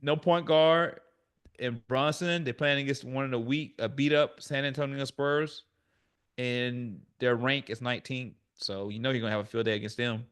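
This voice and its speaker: A man co-hosting a podcast, weighing fantasy basketball picks in a hesitant, halting way. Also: mid-range voice, fairly even intonation, a bit bright, clear, resonant tone. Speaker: podcast co-host. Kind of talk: casual sports chat.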